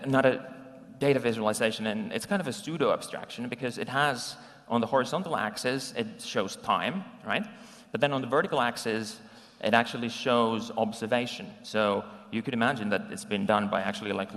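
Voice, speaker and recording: Man from Finland, forties, conference talk, gravelly, fairly low voice, ums and restarts, reverberant hall recording. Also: fairly bright tone. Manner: conversational, with frequent ums and restarts. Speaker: conference speaker.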